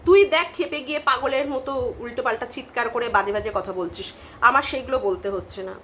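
A woman with a Bengali accent rants straight to camera, scolding and repeating herself in a confrontational vlog. Her voice sits high and sounds bright and sharp, with a cutting edge. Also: brisk, a little hiss or hum. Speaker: vlogger. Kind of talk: angry rant to camera.

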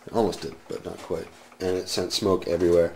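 A man's voice: low voice, little pitch movement, fairly quick, gravelly, darkish tone. A teenage boy casually explaining, step by step, how he and a friend are building a chair in a home workshop, recorded on the camera mic. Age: teens. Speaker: student builder. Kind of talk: casual project narration.

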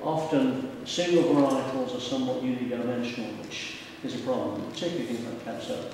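Fairly quick and steady, his medium-pitched voice comes through background noise as this older winemaker and winery owner speaks bluntly and emphatically, repeating words as he thinks in a casual interview. He's recorded from a distance on a handheld mic with a wide camera, in the echoey room of a large indoor winery tasting room.

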